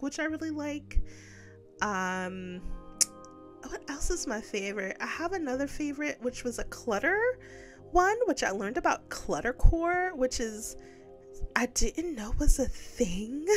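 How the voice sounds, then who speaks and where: A woman talks in a slightly high, congested voice, stuffed up from a cold. She narrates her game build in a loose, chatty voice-over, filling gaps with fillers and little giggles, over faint background music. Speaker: game building video creator. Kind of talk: casual voice-over commentary.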